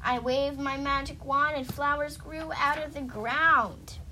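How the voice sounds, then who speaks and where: A woman reading a children's storybook aloud in a gentle, expressive way. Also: high voice, unhurried, slight background noise, rough recording. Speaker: storybook reader.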